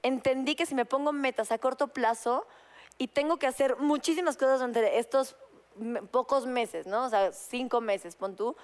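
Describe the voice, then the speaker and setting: Mexican woman, 30s, high and emphatic, talk show guest. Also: moderate pace. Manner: upbeat, emphatic storyteller. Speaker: guest actress. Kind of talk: casual talk show chat.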